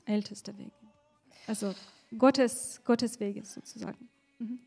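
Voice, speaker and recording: A woman interpreting a church testimony live, halting and searching for words with many fillers. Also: medium pitch, steady tone, gravelly, mellow, breathy edge.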